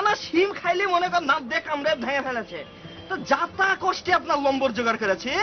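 Loud, shrill man from Rajshahi shouting into a phone, muffled lo-fi sound with music behind. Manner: loud, high-pitched country bumpkin shouting into a phone. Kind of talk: comic drama acting.

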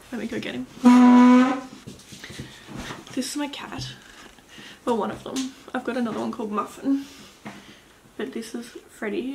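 A woman's voice: fairly high pitch, gravelly, background noise. An eighteen-year-old woman vlogging casually at home, rambling with lots of likes and ums, sometimes dropping to a whisper. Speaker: beauty vlogger. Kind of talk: casual vlog chat to camera. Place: at home, indoors. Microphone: camera mic on a tripod.

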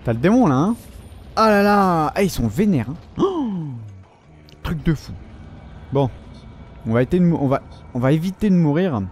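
Young guy cursing and joking over his gameplay, bit high voice, faint hiss behind. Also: sing-song, normal speed, long pauses. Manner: joking, swears a lot, shouts at enemies. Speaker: gaming video host. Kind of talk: casual let's-play commentary.

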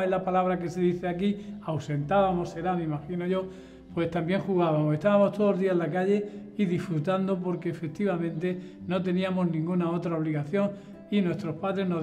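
A man in his seventies explains things in an articulate, orderly way. His voice sits fairly high, with faint guitar music underneath. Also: darkish tone. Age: 70s. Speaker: interviewee, retired teacher. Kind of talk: reminiscing interview. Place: living room at home.

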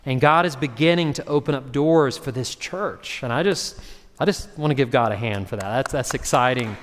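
A man's voice: mid-range voice, normal speed. A man, a pastor giving a conversational sermon and acting out short voices in his story. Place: church sanctuary. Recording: long hall reverb.

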